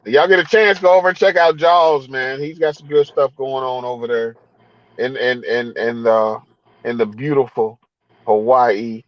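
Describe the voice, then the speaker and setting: A man's voice: mid-range voice, fairly even intonation, moderate pace, no echo, highs cut off. A man hosting a casual car chat, laid-back and drawn out, repeating his phrases. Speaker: host.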